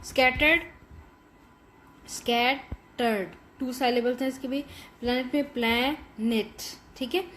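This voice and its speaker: Woman teacher, higher voice, slow dictation, faint room noise. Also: fairly even intonation. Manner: mixes Hindi-Urdu explanation with slow English dictation. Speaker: English teacher. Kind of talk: classroom lesson walkthrough.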